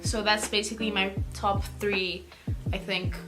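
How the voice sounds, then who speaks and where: A teenage South African girl who speaks Afrikaans answers viewer questions in a casual Q&A vlog as a YouTuber, chatty and rambling with plenty of "like". Her mid-range voice is flat and a little slow, with loud music playing behind her.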